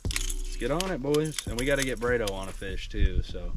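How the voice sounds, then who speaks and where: A man's voice: mid-range voice, expressive, normal speed, loud music behind the voice. A young man narrating a casual fishing vlog to the camera from a boat on a lake, upbeat and hyped. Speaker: fishing vlogger. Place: on a boat on a lake, outdoors in wind.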